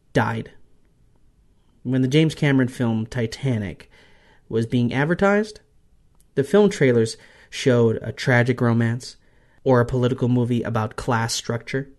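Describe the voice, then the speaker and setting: A man hosting a history podcast, narrating a script in dramatic, emphatic phrases with pauses. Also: mid-range voice, a little mellow. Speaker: podcast host.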